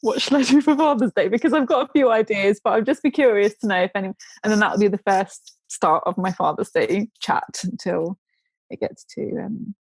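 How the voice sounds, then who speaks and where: A woman who owns a ceramics business chats casually as a podcast guest, rambling, restarting sentences, and giggling now and then. Her medium-pitched voice is husky and a little fast, with no echo.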